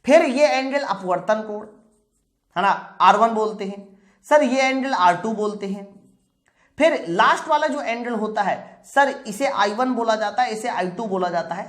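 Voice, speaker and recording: A man with a high, fairly bright voice speaks a little slowly as he teaches an exam-prep physics class. He works through questions aloud, emphatic and repetitive, and often puts questions to his students. The room sounds spacious and echoey.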